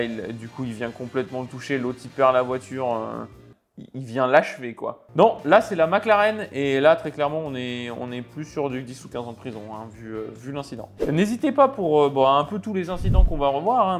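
A man giving casual, expressive commentary over racing game clips. He talks in halting bursts with many fillers and reacts aloud to the crashes. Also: mid-range voice. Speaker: sim racing video creator.

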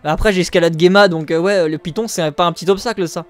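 A male streamer giving joking, crude, self-mocking live gameplay commentary, excitable and often laughing. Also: high voice, fast, smooth. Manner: excitable, exclaims at the game.

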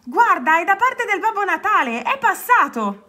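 Storybook frog, little excited boy as a woman reads him, high and bright, squealing. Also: normal speed. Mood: thrilled. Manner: squealing, bubbly.

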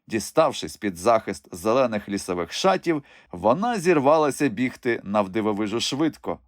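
A man reading a storybook aloud, expressive and dramatic. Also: on the low side, normal speed, no echo. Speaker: audiobook reader. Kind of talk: storytelling narration. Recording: dry close studio recording.

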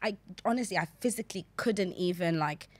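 In a small indoor studio set, a Zambian woman in her twenties appears as an interview guest, speaking into a desk podcast mic. Her lowish voice is brisk and the recording is dry, and she chats animatedly, gesturing a lot during the casual conversation.

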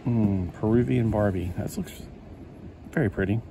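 A warm, lowish male voice at a moderate pace carries over slight background noise. The man sits at an indoor table flipping through a collector magazine, talking to himself casually and rambling with evident delight.

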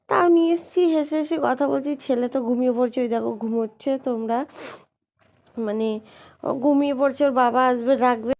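A young woman with a hoarse voice from a cold, narrating her day casually for viewers in a soft, subdued way. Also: sits high. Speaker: vlogger.

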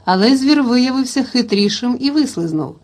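A woman reading a historical novel aloud as an audiobook narrator, in steady, even storytelling. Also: on the high side, moderate pace.

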